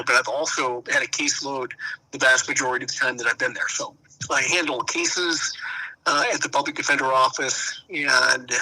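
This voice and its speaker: Middle-aged male attorney on a speakerphone, tense and bright timbre, halting delivery with a faint hiss behind. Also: medium pitch, poor audio. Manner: halting, with frequent "uh" and "um" pauses. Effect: heard over a speakerphone. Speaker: managing public defense attorney. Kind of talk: guest interview by phone.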